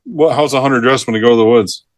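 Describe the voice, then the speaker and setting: This middle-aged man talks fast in a mid-range voice with no echo, sharing rescue tales from his years as a forest ranger in a casual interview. Animated throughout, he breaks into laughter mid-sentence and acts out what others said.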